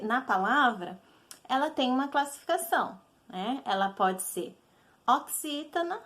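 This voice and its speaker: Checking in frequently, a female teacher with a Brazilian Portuguese accent calmly explains a recorded lesson to kids. She speaks at a fairly high pitch with a slightly bright tone.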